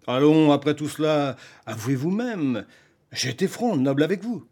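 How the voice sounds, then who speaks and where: An actor playing a flustered, jealous middle-aged husband in a fur coat, agitated and stammering in a radio drama. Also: male voice, fairly high pitch, expressive, normal speed, a little mellow, breathy edge. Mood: indignant.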